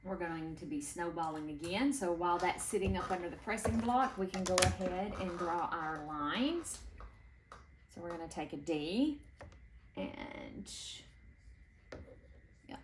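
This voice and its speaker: A middle-aged woman with a drawl talks folksily through a quilting project, her voice sitting a little low. A faint sewing machine hum runs behind her in a home sewing room. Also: unhurried, pauses often. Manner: chatty, folksy, talks while working. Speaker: quilting video host. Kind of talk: casual sewing tutorial.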